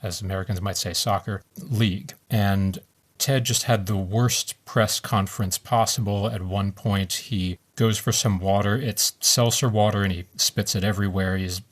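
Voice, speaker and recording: A man co-hosting a podcast, explaining screenwriting theory in a measured, lecturing way. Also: fairly low pitch, steady tone. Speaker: podcast co-host. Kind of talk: explaining screenwriting, reading script scenes.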